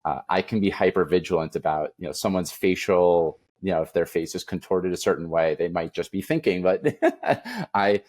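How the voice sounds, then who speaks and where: A man's voice: deep voice, animated, normal speed, darkish tone. A man hosting a podcast who talks in an earnest, thoughtful way, with small laughs as he shares his own examples. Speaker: podcast host. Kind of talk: conversational interview.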